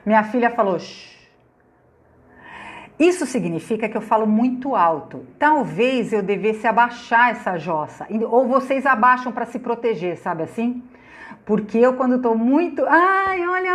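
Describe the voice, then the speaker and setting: A middle-aged Brazilian woman hosting a casual live stream from her phone, loud and chatty, greeting viewers by name and laughing often. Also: on the high side, expressive, moderate pace. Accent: Brazilian Portuguese. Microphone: phone on laptop.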